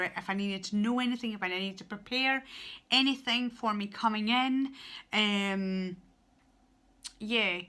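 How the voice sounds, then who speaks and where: A young Scottish woman, a student teacher, gives casual advice in a vlog in a medium-pitched voice with a sharp tone. She's chatty but hesitant, with lots of ums and restarts.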